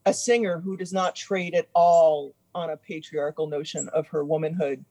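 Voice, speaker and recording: A woman on a discussion panel, hesitant and halting, packing her talk with fillers as she searches for words. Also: low voice, fairly even intonation, warm tone, dry recording. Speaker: panel guest. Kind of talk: casual discussion.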